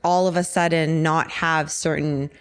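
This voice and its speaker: Lady in her 40s hosting a podcast, kinda low voice, honest and warm-hearted, laughs a lot. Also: flat delivery, a little slow, smooth. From Toronto, Canada. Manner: candid and empathetic, laughs easily. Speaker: podcast host. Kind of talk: casual podcast interview.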